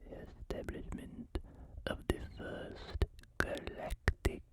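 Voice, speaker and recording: A gamer whispering an impression of a sinister, scheming old male emperor, slow and menacing, with an accent that drifts into something vaguely foreign. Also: extremely high pitch, lively intonation, full character voice.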